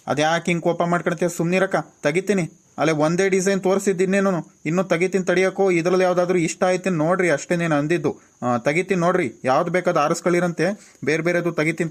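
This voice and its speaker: A pushy travelling sari seller, played by a man, coaxes his customers with a steady stream of sales patter. His voice sits a little high, and he speaks. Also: close to an everyday voice.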